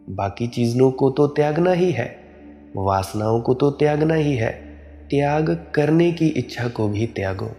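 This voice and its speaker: A man giving a spiritual sermon in a slow, measured, admonishing way. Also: mid-range voice, mellow. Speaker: spiritual preacher.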